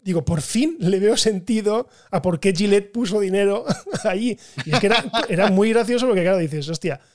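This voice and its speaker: A man with a Spain Spanish accent talks films in a loose, animated way, laughing as he goes. His voice sits high for a man. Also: moderate pace. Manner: animated, laughing, swears casually. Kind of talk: casual film discussion.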